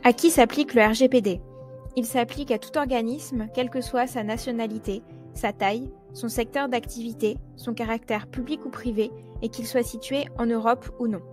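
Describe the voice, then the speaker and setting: A woman narrates a scripted explainer, posing questions and answering them. Her voice is fairly high, and music plays behind her. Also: steady tone, moderate pace, a little mellow.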